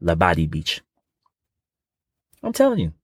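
Husky, animated man chatting on a podcast. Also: sits low, a little slow, no room sound, studio quality. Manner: rambling, repetitive, boastful street-casual talk. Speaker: podcast co-host. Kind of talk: casual comedic chat.

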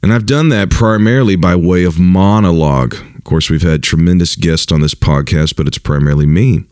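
A man in his forties, a pastor hosting his own podcast, talking in a casual monologue with an earnest, animated manner and frequent restarts. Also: deep voice, fairly quick, no echo, clean studio sound. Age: 40s.

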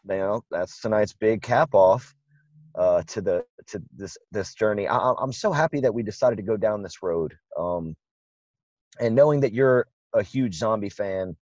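A man's voice: medium pitch, a little mellow, dry recording, highs cut off. A man co-hosting a podcast in casual, enthusiastic chat. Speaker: podcast co-host.

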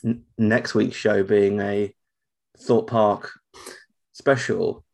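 Casual British male co-host, lowish pitch, sounding ropey with tonsillitis. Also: level tone, drawn-out words, vocal fry, a little mellow. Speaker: podcast co-host. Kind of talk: casual chat.

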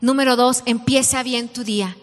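A woman's voice: fairly high pitch, steady tone, normal speed. A middle-aged woman preaching a sermon to women, telling stories and asking the audience questions. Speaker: women's ministry speaker. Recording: long reverb of a large hall.

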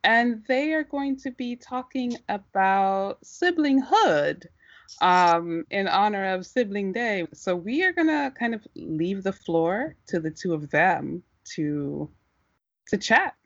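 A woman's voice: mid-range voice, animated, slow, dry recording, muffled recording. A woman co-hosting a podcast in casual chat, giggling and tripping over her words. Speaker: podcast co-host.

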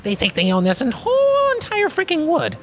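A woman voicing a tiny, timid twig fey creature in a small breathy voice, polite and plaintive in a tabletop game. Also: sits high, huge pitch swings, a little fast, a little hiss or hum. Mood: plaintive complaining. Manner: polite, hesitant, pleading. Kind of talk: in-character tabletop role-play.

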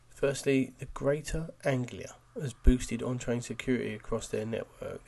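A man with a husky voice presenting a local podcast in a chatty, wry way with joking asides. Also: medium pitch, warm tone. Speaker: podcast host.

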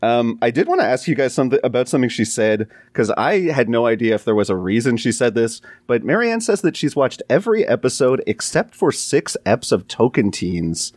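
A man's voice: medium pitch, big pitch swings, brisk, few pauses, darkish tone, dry recording, clean studio sound. A man co-hosting a podcast in casual chat, leading the talk with curious questions. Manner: inquisitive, leads the discussion with questions. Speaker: podcast co-host.

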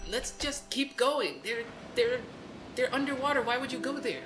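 A woman's voice: high voice, lively intonation, normal speed, echoey room, over music, voice pushed up. A woman voicing a wary, blunt and dismissive bird companion in a tabletop game. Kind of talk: tabletop game role-play.

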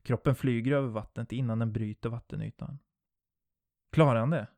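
A man narrating a first-person horror story in a low, steady storytelling voice. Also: no echo.

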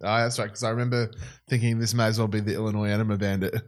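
A man's voice: fairly low pitch, level tone, rapid-fire. A man in a casual podcast chat, tossing in short, matey bantering quips. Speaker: podcast co-host.

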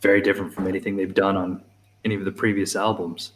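A man's voice: low voice, flat delivery, fast talker, fairly bright tone, slight background noise. A man co-hosting a casual album review, thinking aloud with frequent restarts and hesitations. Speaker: co-host. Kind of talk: casual music review chat.

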